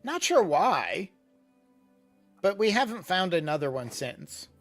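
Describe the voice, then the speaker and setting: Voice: medium pitch, very animated, takes it slowly, faint music behind, pitched above the performer's own voice. A game master voicing a casual, matter-of-fact female tavern server.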